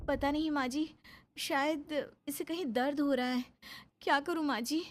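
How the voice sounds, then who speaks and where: A woman's voice: high voice, steady tone, measured pace, voice pushed up. A woman voicing a worried young mother who pleads and argues with her mother-in-law in a raised voice. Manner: pleading and anxious, loud when upset.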